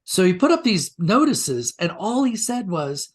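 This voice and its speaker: In a conversational interview, a writer reflects and tells stories in a discursive way, frequently rephrasing partway through sentences. His high voice is very animated, and he talks a little slowly.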